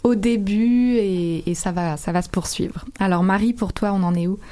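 A woman's voice: mid-range voice, normal speed, warm tone. A woman hosting an interview in a conversational way, gathering her thoughts aloud as she goes. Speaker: interview host.

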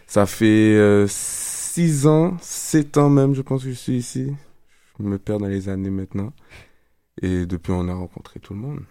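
A man's voice: lowish voice, a little slow, mellow, clear, resonant tone, no room sound. A man from Guadeloupe, a band member speaking casually in an interview.

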